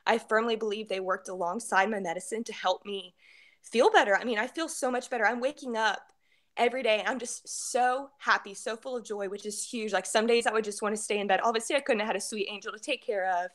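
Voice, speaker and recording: A woman's voice: medium pitch, steady tone, fast. A woman gives a heartfelt personal testimony with many fillers, crying at times. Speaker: guest sharing a testimonial.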